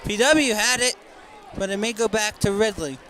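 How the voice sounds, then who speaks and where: A young play-by-play announcer with a high voice calls a high school football game live, chatty, quick to repeat the official calls and excitable on fumbles. Faint crowd murmur and outdoor noise fill the background.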